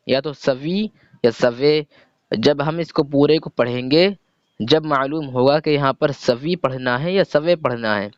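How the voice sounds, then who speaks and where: Here the man's voice sits on the high side, clear and resonant, with no echo. He walks through a slow reading lesson, sounding out letters patiently and posing questions that he then answers himself. The audio has a dull, lo-fi quality.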